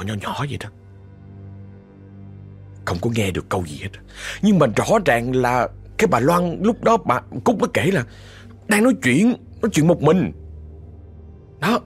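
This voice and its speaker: In a husky, mid-range voice, a Southern Vietnamese man recounts a horror story. He keeps it conversational, often turning to address the listeners himself.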